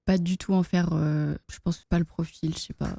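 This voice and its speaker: A woman's voice: on the low side, steady tone, normal speed, creaky, warm tone, no echo, studio quality. A young woman being interviewed, frank and a little hesitant, with lots of fillers. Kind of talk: casual interview chat.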